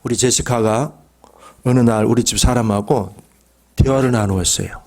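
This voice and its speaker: A middle-aged man preaching a Sunday sermon as pastor, dropping to quiet asides and rising to emphatic calls, often asking the congregation questions. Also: moderate pace. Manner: swings between low quiet asides and raised emphatic calls.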